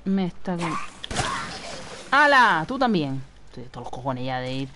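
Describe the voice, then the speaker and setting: Foul-mouthed animated woman streamer. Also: deep voice, normal speed, noisy background. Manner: swears a lot, shouts at enemies. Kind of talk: live gameplay commentary.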